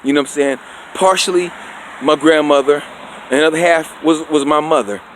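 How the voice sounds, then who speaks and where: A man's voice: on the high side, a little fast, slight background noise. A man giving a preachy, conversational opinion monologue, constantly checking in with his listener. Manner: preachy and conversational, keeps asking "you know what I'm saying". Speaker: vlogger.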